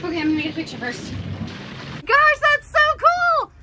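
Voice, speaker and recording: A woman's voice: very high-pitched, wildly swooping pitch, moderate pace. A woman co-hosting a sailing vlog, exclaiming and giggling as she reels in a fish outdoors on a boat. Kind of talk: casual chat on a boat while fishing. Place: outdoors on a sailboat at sea. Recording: noisy outdoor boat recording.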